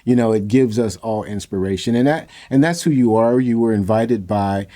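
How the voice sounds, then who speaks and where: A man hosting a podcast interview, thanking his guest warmly and gently prompting him to go on. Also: lowish voice, moderate pace. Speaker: podcast host. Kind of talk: casual interview chat.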